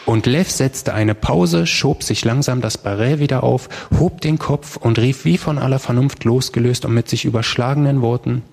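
Guy reading a story out loud, steady measured pace, mid pitch. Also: creaky. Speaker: narrator. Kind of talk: audiobook narration.

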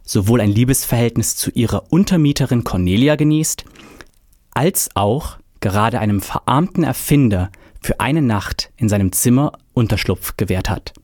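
A man reading a novel aloud with a measured, expressive delivery. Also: mid-range voice, no echo, studio quality. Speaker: reader. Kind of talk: literary reading.

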